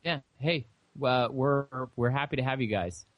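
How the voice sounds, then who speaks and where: A young man co-hosting a casual podcast chat, talking in a halting way with lots of fillers and restarts. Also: mid-range voice, no room sound, highs cut off. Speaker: podcast co-host.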